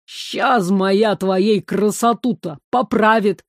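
A woman's voice: mid-range voice, takes it slowly, no echo, clean studio sound. A woman doing a boastful, roaring fire spirit. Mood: gleeful. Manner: roaring, gleeful.

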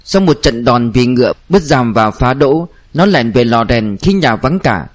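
A man narrating a novel in a steady storytelling voice. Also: mid-range voice, unhurried. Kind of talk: audiobook narration.

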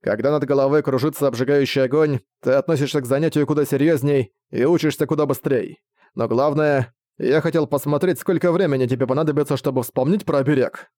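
A man's voice: medium pitch, quick pace, a little mellow, dry recording, studio quality, lightly acted. A man voicing an easygoing teasing priest mentor. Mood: lecturing. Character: carefree male priest mentor, teasing and calm.

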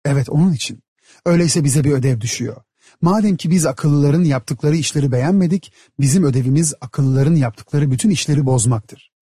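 Storybook ringleader of madmen, read by a man: slow, rousing, husky, a touch high. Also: warm tone, no echo, studio quality. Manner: slow, rousing, speechifying to a crowd. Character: scheming adult male ringleader of escaped lunatics. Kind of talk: audiobook character voice.

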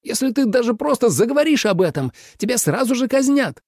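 A man reading an audiobook voices a hot-tempered young emperor who shrieks in a high, strained voice. The outbursts are shrill and furious, with a gravelly edge underneath, and the recording is close and dry. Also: sing-song, moderate pace, a little mellow, no echo, full character voice. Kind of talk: audiobook character voice.

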